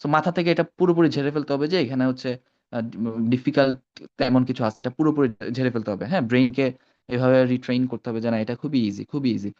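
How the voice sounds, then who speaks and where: This man has a medium-pitched, slightly mellow voice and speaks quickly while running an online Arabic lesson. He blends in English words and keeps making sure the students keep up, heard through a video call with muffled, low-fidelity sound.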